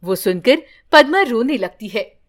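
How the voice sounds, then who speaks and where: A woman narrating a children's storybook cartoon in a calm, scripted way. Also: a little high, slow pace.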